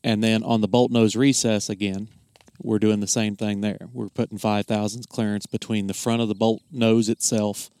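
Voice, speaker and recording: Low, smooth-voiced man explaining things plainly. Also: level tone, a little mellow, dry recording. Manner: plainspoken, folksy, halting with repeated words. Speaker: gunsmith explaining his craft. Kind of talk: casual technical explanation.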